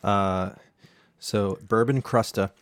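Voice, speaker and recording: A man's voice: lowish voice, fairly even intonation, slow pace, a little hiss or hum. A man hosting a casual chat, explaining a drink recipe with plenty of fillers and restarts. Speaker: home bartender host.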